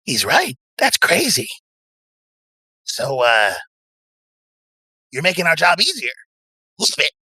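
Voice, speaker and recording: A crude, offhand thug with a raised, brassy voice, put on by a man running a tabletop game. He sounds bright and close, with a dry, dead room around him. His talk is rough and mocking. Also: on the high side, wildly swooping pitch, takes it slowly, pauses often, no room sound, voice pushed up, exaggerated voice.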